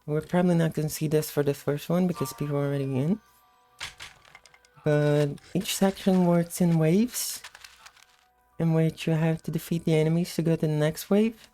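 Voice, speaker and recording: A woman giving casual, unhurried gameplay commentary in a sleepy, just-woke-up morning voice. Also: low-pitched, fairly even intonation, warm tone, soft background music. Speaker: gameplay host.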